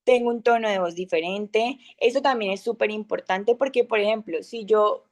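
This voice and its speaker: A young adult woman giving an informal talk on communication, speaking loudly and with a high voice, full of fillers and acted-out examples. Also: moderate pace. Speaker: speaker of an online masterclass.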